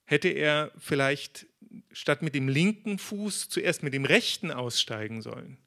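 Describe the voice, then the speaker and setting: A man preaching a sermon in a conversational, lively way, acting out quotes as he tells the story. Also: fairly high pitch, unhurried, gravelly.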